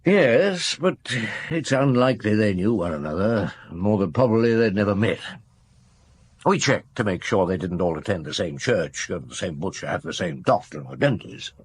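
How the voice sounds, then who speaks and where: An actor playing a middle-aged chief inspector in a radio drama, methodical and thoughtful, laying things out in a measured, deliberate way. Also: male voice, on the low side, lively intonation, breathy edge. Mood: methodical, explanatory. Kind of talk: naturalistic radio drama acting.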